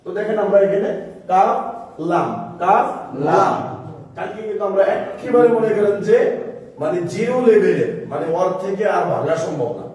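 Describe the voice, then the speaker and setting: A man's voice: sits high, normal speed, darkish tone, recorded from a distance. A man teaching a Quran reading class, explaining step by step and asking the class questions. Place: mosque-side classroom. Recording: echoey room recorded from afar.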